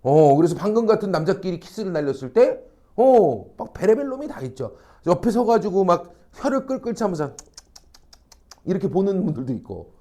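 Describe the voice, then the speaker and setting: Lively, animated male teacher in class. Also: high-pitched, brisk. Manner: animated, acts out quoted people; casual and blunt with students, checks understanding often. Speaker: academy teacher. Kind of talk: classroom lecture.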